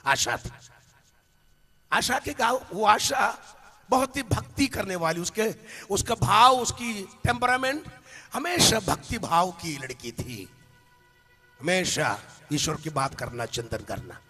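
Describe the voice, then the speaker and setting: High, bright-voiced preacher in a hall. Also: male voice, lively intonation, slow, pauses often, breathy edge, faint music behind. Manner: impassioned, builds to shouted climaxes; storytelling with anecdotes. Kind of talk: sermon. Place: large hall with a live congregation. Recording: long reverb of a big hall.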